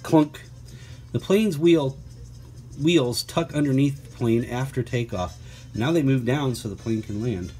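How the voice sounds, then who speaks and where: Reading a children's picture book aloud, a male teacher stops for conversational asides and questions to his young listeners. His voice is mid-range and mellow.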